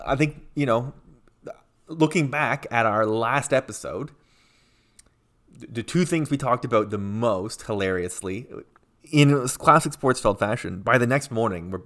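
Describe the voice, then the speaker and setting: A man's voice: mid-range voice, unhurried, a bit bright. A man co-hosting a casual sports podcast, rambling with many fillers and restarts. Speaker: podcast co-host.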